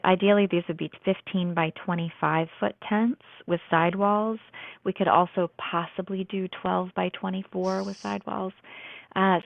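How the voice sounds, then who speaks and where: A woman's voice: lowish voice, vocal fry, no room sound. A woman caller leaving a polite, detailed voicemail with a few fillers, heard over a phone line.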